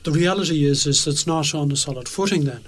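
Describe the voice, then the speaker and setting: A man's voice: on the high side, quick pace. Thoughtful middle-aged man. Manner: thoughtful, hesitant with fillers. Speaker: radio show co-presenter. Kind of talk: conversational discussion.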